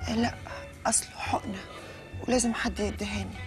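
A woman's voice: medium pitch, fairly even intonation, fast, close to an everyday voice. A woman playing a timid, sick hostage in a comedy film, asking in a hesitant, polite way with an Egyptian accent. Music plays behind her. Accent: Egyptian Arabic.

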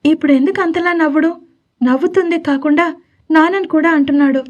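A woman's voice: high-pitched, a little fast, darkish tone, natural voice. A woman voicing a touchy young wife in an audio story who pouts and scolds her husband. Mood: sulky. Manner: pouting, scolding.

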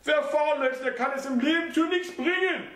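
A man voicing a domineering ninety-one-year-old mother who nags and scolds her grown son in a shrill, commanding voice. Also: normal speed, a bit bright. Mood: scolding. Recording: roomy echo.

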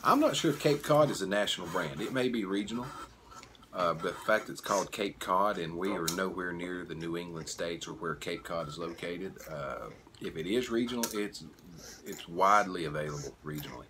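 A man's voice: sits low, brisk. A man in his forties chatting casually as he hosts a snack review, folksy and jokey, munching crunchy chips as he talks. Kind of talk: casual food review chat. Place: indoors at a table, small room. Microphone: camera microphone a short distance away. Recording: noticeable background noise.

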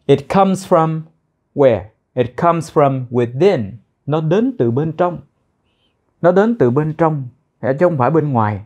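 A man's voice: fairly high pitch, lively intonation, unhurried, darkish tone, muffled recording. A male teacher explaining and repeating English phrases one by one, drilling their pronunciation and meaning.

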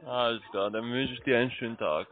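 Quiet man caller, broken German, distant phone. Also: mid-range voice, steady tone, fast talker. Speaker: cold caller. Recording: tinny phone line, far from the mic.

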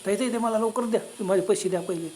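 A man's voice: high-pitched, very fast, a little mellow, a little hiss or hum, natural voice. A man voicing a frightened adult rickshaw driver who pleads and cries out in panic. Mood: pleading.

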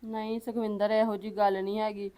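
A woman's voice: medium pitch, flat delivery, quick pace, mellow, lightly acted. An actress playing a worried middle-aged mother, defensive and tearful, in a web series drama. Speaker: elder sister-in-law, troubled mother.

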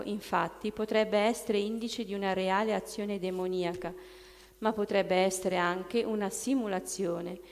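A woman giving a measured, solemn reading of a first-person account as scripted narration. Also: mid-range voice. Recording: long reverb.

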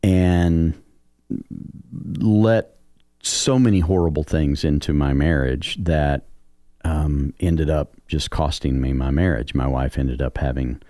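Man, very deep voice, middle-aged, earnest confessional radio talk, dry studio sound. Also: steady tone, slow, mellow, no room sound. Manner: earnest confessional storytelling with self-deprecating humor. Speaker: co-host sharing his story. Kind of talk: candid radio talk-show testimony. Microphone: studio microphone.

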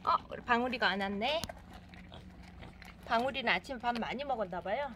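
A woman's voice: a little high, expressive, brisk, background noise. A woman running an animal cafe, talking casually to viewers and calling her cats over in a sing-song, coaxing voice outdoors in her yard. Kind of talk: casual vlog narration to viewers.

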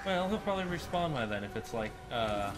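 A man's voice: medium pitch, very animated, fairly quick. A man co-playing a game on stream, making dry wisecracks in casual chat. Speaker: co-player. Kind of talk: casual let's-play chat.

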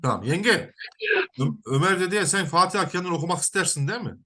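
A man's voice: high voice, lively intonation, quick pace, bright, forceful tone. A man working as a spiritual counselor, commanding and repetitive, sometimes chanting prayer words over and over.

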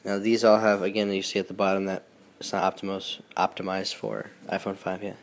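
A man's voice: deep voice, little pitch movement, brisk. A man with a nasal, stuffy voice from being sick, casually hosting a phone walkthrough with frequent ums and restarts. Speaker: host.

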